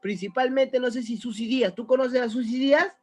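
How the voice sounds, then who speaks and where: A man's voice: extremely high pitch, fairly quick. A man teaching a recorded biology lesson, chatty and often checking in with the student. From Peru.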